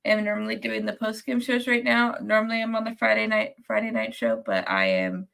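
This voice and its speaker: A young woman with a cold hosts a casual sports fan post-game live stream, sounding nasal and congested. Working as a podcast host, she rambles with plenty of fillers, ums and restarts, and reads viewer comments. Her mid-range voice is brisk and lively in intonation, creaky, fairly bright, clear and resonant.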